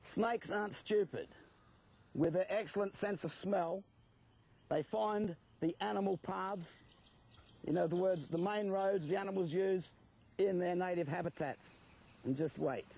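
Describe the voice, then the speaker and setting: Handling snakes on camera, an Australian man presents wildlife in a casual, showman-like way. His voice is high-pitched, unhurried and husky, a little mellow, with some vocal fry.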